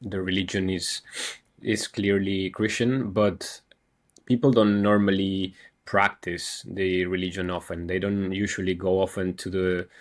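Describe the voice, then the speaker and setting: Low-voiced European man hosting a chat. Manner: friendly, asks questions with fillers. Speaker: host. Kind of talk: casual interview.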